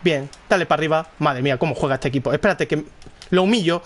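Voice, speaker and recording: A young man with a Spanish accent casually commenting on his football game, excitable, often repeating words and shouting at plays. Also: on the high side, quick pace. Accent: Spanish (Spain). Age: young adult. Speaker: gaming streamer. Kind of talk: casual live gameplay commentary.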